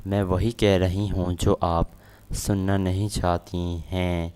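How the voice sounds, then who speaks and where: A man's voice: sits low, flat delivery, dark tone, clear, resonant tone, lightly acted. A man voicing a grieving, angry pregnant young wife, reading her lines plainly in his own voice. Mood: angry grief. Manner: plain read-out of a quoted line.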